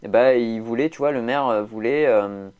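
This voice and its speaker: A man's voice: medium pitch, normal speed, smooth, narrow, tinny audio. A man chatting casually on a podcast, rambling with many fillers and restarts. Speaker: podcast host.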